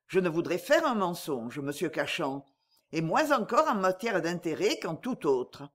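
A woman's voice: fairly low pitch, big pitch swings, unhurried. A woman voicing an honest, upright husband in an audiobook, firm and earnest.

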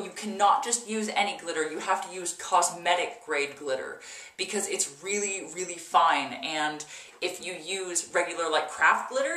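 A woman's voice: fairly low pitch, fairly bright tone. A woman in her thirties giving a casual, emphatic tutorial to camera in an echoey bathroom, repeating words for emphasis. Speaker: video host, makeup tutorial presenter. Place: small indoor bathroom. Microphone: camera mic a little way off. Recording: echoey bathroom, mic at a distance.

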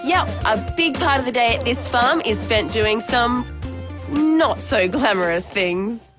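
A woman's voice: on the high side, animated, a little slow. A woman presenting a TV segment at a wildlife rescue farm, bubbly and enthusiastic as she asks questions. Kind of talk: upbeat presenting and interviewing. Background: background music.

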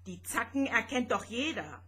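Woman playing a gruff little spaceship boy. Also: on the high side, expressive, moderate pace, bright, forceful tone, heavily acted. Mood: grumpy. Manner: gruff, snappish.

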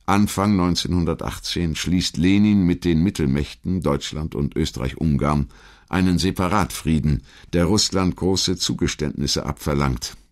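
In a measured, dramatic storytelling manner, a man with a low-pitched voice delivers scripted documentary narration.

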